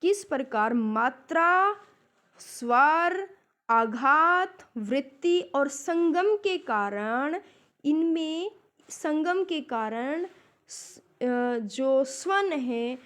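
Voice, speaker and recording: A woman teaching a class in a high voice. She speaks slowly and deliberately, pausing to pose rhetorical questions before answering them. Her pace is measured throughout the explanation. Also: fairly bright tone. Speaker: Hindi literature lecturer. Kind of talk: classroom lecture.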